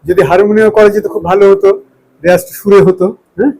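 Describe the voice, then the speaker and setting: A man's voice: high-pitched, fairly even intonation, fast talker, darkish tone, poor audio. A middle-aged man from Bangladesh, giving a classroom lecture on pronunciation and news reading, explaining patiently and drawing out vowels as he demonstrates drills. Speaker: voice and news presentation instructor.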